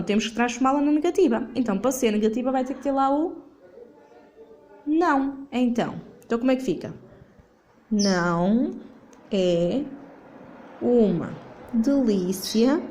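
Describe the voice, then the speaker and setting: A fairly high-voiced woman teacher, patiently working through a worksheet. She asks questions and answers them herself while filming on a phone, with faint background noise around her. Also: warm tone. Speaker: primary school teacher. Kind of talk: remote lesson going over a worksheet. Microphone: phone filming while she writes.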